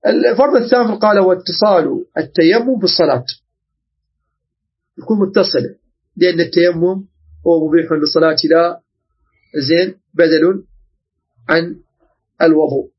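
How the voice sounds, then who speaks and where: A man from Iraq with an Iraqi Arabic accent, teaching a religious jurisprudence lesson and often pausing to check that listeners follow. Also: sits high, husky, dull audio. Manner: explanatory, checks understanding often.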